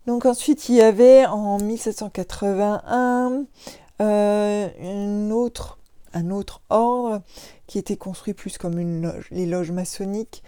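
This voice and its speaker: Woman, mellow warm voice, casual spoken lecture, hesitant and digressive, many fillers and asides. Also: mid-range voice, takes it slowly, smooth. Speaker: host of an esoteric talk stream.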